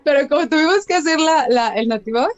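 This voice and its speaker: A woman's voice: high voice, animated, fast talker, no room sound. Giggly Mexican woman reading chat greetings. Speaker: live stream co-host. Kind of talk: casual live-stream chat.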